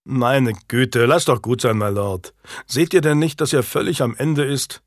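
A man's voice: mid-range voice, measured pace, dry recording, studio quality, lightly acted. A man voicing an easygoing young nobleman who pleads for leniency in a storybook reading. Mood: appeasing.

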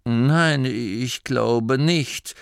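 A man's voice: medium pitch, drawn-out words, creaky, clear, resonant tone, dry recording, pitched above the performer's own voice. Guy doing a puzzled honest gnome hunter, earnest, storybook, dry sound. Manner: plain, earnest, wondering.

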